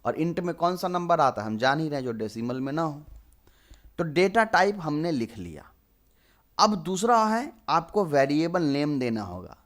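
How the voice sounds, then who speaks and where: With a fairly bright, very animated voice on the high side, a young man in his 20s teaches programming at a moderate pace. His screen-recorded coding lesson proceeds step by step as he asks himself questions and answers them.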